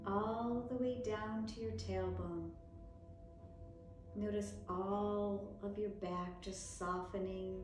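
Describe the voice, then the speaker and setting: A woman guides a relaxation meditation very slowly in a soft, soothing voice of medium pitch. She leaves long, gentle pauses between short phrases. The sound is heavily reverberant, with music playing behind her.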